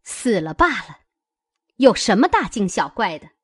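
Woman voicing a sharp-tongued domineering noblewoman. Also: medium pitch, sing-song, husky. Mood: scornful. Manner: domineering, scornful and quick to scold. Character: sharp-tongued young noblewoman of a great house. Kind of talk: dramatized novel reading.

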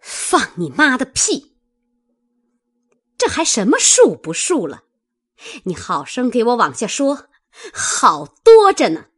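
A woman voicing a sharp-tongued, domineering noble lady who scolds and mocks a servant. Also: medium pitch, sing-song, slow, slightly rough, full character voice. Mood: scolding, mocking. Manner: scolding, mocking, cutting.

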